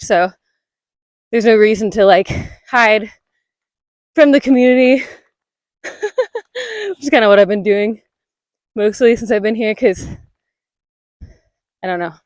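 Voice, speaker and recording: A woman's voice: medium pitch, no room sound. A young woman talking casually while walking a rainy outdoor trail, rambling with many fillers and a little out of breath, on a close mic. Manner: rambling, lots of "like" fillers, laughs often. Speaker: spiritual vlogger. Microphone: body-worn mic close to the mouth.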